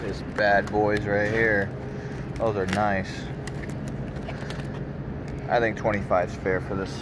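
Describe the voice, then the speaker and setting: A man's voice: on the low side, slow pace. Laid-back American man vlogging with noise behind. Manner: relaxed, crude, boastful joking. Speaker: retro game store owner. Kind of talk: casual vlog narration. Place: store, parking lot and supermarket.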